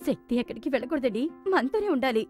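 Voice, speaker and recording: Bossy scolding mom, high lively voice, talks fast, film comedy. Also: female voice, faint music behind. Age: middle-aged. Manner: sharp scolding. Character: bossy middle-aged mother, scolding her brother. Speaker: mother and elder sister. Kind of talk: dubbed Telugu film comedy.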